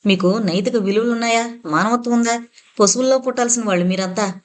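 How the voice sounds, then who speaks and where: A woman's voice: a little high, fast talker, voice pushed up, natural voice. A woman narrator voicing an enraged young woman who scornfully accuses a group of killers. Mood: outraged.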